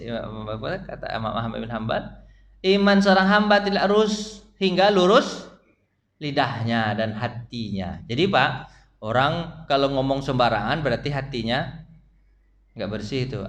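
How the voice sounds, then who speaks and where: A man's voice: medium pitch, a bit bright. A man, teaching a casual mosque study lecture in a joking manner, often laughing and speaking straight to his listeners. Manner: humorous, chuckling, addresses listeners directly. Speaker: religious teacher.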